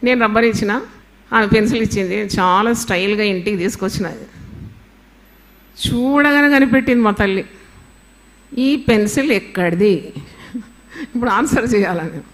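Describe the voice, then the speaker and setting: A woman's voice: mid-range voice, brisk. An older woman and grandmother preaching a sermon, telling stories emphatically and mixing in English phrases.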